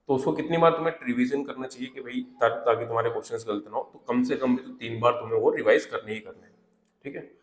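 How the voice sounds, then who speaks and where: A man giving exam preparation tips in a casual, conversational way, often adding little check-in fillers. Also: mid-range voice. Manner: conversational, repeats fillers like "theek hai" and "hai na"; reads English notes aloud slowly, word by word. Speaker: exam prep teacher. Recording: echoey room.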